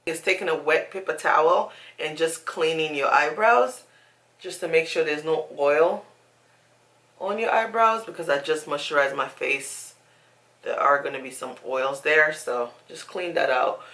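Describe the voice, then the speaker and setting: Her voice is low-pitched, fairly bright and unhurried as this young beauty vlogger chats casually to camera in a small home room. The tutorial is emphatic, and she likes to repeat words.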